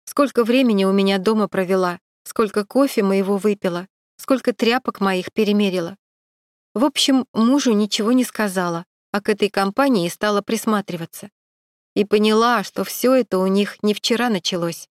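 A woman's voice: mid-range voice, moderate pace, no room sound, clean studio sound, close to an everyday voice. Woman reading as a rueful divorced woman. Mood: bitter. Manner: frank, rueful confiding. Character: divorced woman confiding a husband's betrayal. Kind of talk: audiobook dialogue.

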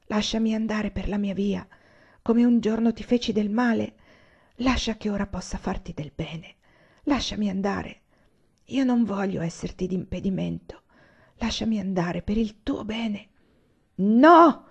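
A woman's voice: mid-range voice, unhurried, vocal fry, slightly rough. Woman whispering as a desperate pleading young woman. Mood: begging. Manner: hushed, pleading. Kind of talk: whispered role-play. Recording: dull lo-fi recording.

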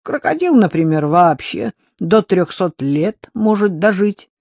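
Reader doing deadpan calm enforcer guy, matter-of-fact, dry close mic. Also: sits high, unhurried, no room sound, exaggerated voice. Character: calm, unflappable long-haired male enforcer.

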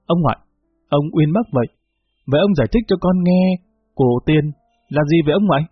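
Man doing a chirpy little grandson, raised pitch, husky, lo-fi phone-like sound with faint music. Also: expressive, no room sound. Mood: curious, cheeky. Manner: quick, pestering questions. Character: cheeky curious young grandson, playful.

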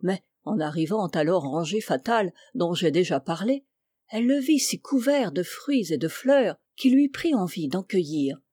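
Mellow-voiced woman reading a fairy tale. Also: fairly low pitch, breathy edge, no echo, clean studio sound. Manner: measured, expressive storytelling. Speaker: reader. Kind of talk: scripted fairy-tale narration.

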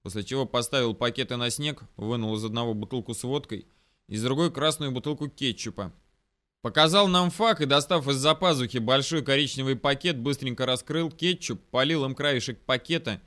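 A man narrating a military story in the first person for an audiobook, brisk and vivid. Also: mid-range voice, sharp tone.

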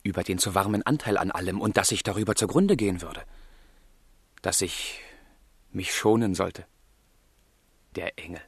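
In a German radio drama, an actor plays a passionate, lovesick young gentleman, delivering his lines fervently and confidingly in a husky, deep voice. He speaks at a moderate pace with long pauses, sounding rapturous and tender.

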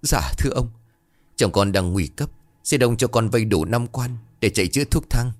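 A man's voice: mid-range voice, expressive, normal speed, no room sound, pitched above the performer's own voice, close to an everyday voice. A man voicing a frail poor village woman who speaks timidly and humbly, her voice raised. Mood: humble.

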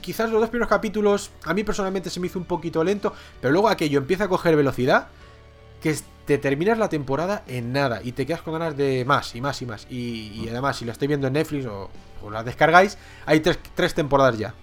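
A man talks casually as a podcast co-host, his voice sitting a little high. He piles up words like "very, very, very" in his eagerness and restarts often. Soft music plays faintly underneath. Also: quick pace. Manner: enthusiastic, repeats words for emphasis, many restarts. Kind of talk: casual chat reviewing series.

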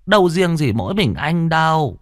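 A man voicing a stern, knowing old great-grandmother who speaks firmly and slowly. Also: fairly high pitch, big pitch swings, no room sound, clean studio sound, pitched above the performer's own voice, exaggerated voice. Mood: stern, reassuring. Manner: firm, reassuring, slow.

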